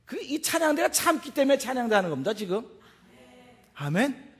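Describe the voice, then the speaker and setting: A male pastor preaching a sermon, animated, swinging between loud exclamations and hushed asides. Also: extremely high pitch, a little fast, breathy edge. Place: church sanctuary. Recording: long church hall reverb.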